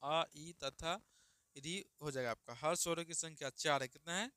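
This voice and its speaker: A man's voice: fairly high pitch, fairly even intonation, moderate pace, bright, forceful tone, smooth, no room sound, clean studio sound. A man teaching grammar online, repeating each question and answer and calling students "babu.". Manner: calls listeners "babu" affectionately. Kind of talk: online exam-prep lesson.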